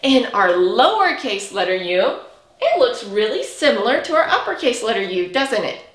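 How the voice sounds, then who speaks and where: A woman's voice: fairly high pitch, very animated, moderate pace, a bit bright. A woman in her thirties teaching a preschool alphabet lesson in a broad singsong manner, emphatic and drawn out for small children. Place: small indoor room, in front of a whiteboard. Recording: roomy indoor echo.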